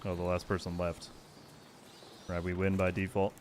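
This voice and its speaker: A man's voice: low-pitched, completely flat delivery, normal speed, slight background noise. A man streaming a video game, chatting casually and thanking viewers by name. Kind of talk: casual live-stream chat.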